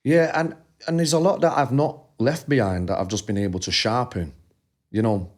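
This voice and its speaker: A man's voice: medium pitch, moderate pace, darkish tone. A man co-hosting a podcast, chatting casually and telling stories about his past. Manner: laid-back storyteller, drops into quoted voices. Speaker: podcast co-host. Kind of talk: casual chat.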